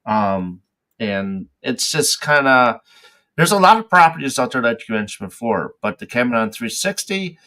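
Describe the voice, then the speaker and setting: Male podcast host, bright tone, easygoing, laughs a lot, casual interview. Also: medium pitch, normal speed. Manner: relaxed, laughs often, easygoing.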